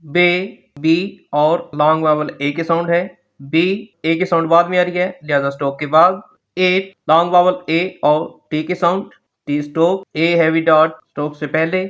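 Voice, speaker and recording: A man teaching shorthand step by step, slowly spelling out letters one at a time. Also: on the high side, fairly even intonation, a bit bright. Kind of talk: step-by-step lesson.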